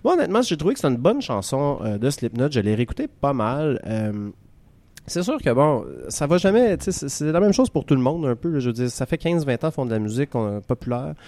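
A man's voice: medium pitch, very animated, a little fast, dark tone, no echo. A man with a Quebec French accent chatting as a music columnist on a radio show, joking and laughing often with many fillers. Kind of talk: casual radio chat.

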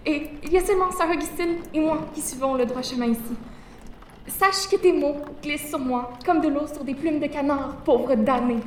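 A woman's voice: high voice, normal speed, slight background noise, close to an everyday voice. A woman playing a pious, self-righteous teenage boarder who stammers and pleads, in an audio drama. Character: pious prim teenage boarding-school girl. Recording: roomy, distant mic.

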